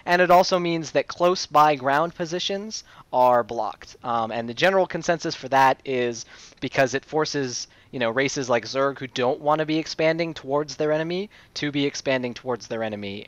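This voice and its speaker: A man's voice: mid-range voice, a bit bright, no room sound. A man casting a video game match, talking casually with frequent fillers. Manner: casual, chatty, uses many fillers. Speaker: esports caster. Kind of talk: play-by-play game commentary.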